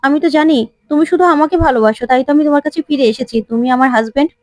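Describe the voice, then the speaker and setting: A scheming young woman begs for another chance, as a woman storyteller plays her. She sounds insistent and pleading, with a fairly high voice. The sound is dry and close. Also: rapid-fire, a little mellow, no echo, lightly acted.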